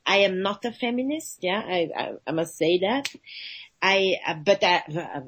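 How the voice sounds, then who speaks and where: Husky-voiced woman, halting speech. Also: mid-range voice, lively intonation, a bit bright, low-quality recording. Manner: halting, many restarts, searching for words. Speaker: guest, actress. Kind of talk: radio interview conversation.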